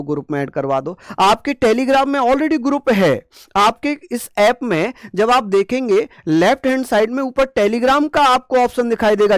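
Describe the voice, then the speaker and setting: A man's voice: very high-pitched, no echo, studio quality. A male teacher giving an exam-prep lecture. He quizzes students with call-and-response questions, chants memory tricks by repeating words, and teases the class playfully.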